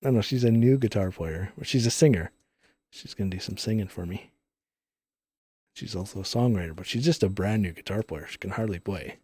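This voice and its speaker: A male live-streaming gamer and host rambles casually, explaining technical details while he plays. His lowish, brisk, slightly rough voice has a dark, mellow tone, heavily compressed and very dry with no room sound, captured on studio microphones through a multichannel input in a recording studio.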